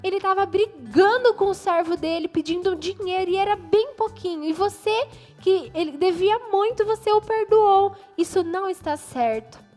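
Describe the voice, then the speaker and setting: A woman's voice: extremely high pitch, normal speed, a little mellow, pitched above the performer's own voice. Woman doing indignant servants reporting to a king. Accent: Brazilian Portuguese. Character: group of indignant male servants. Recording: reverberant room, faint music.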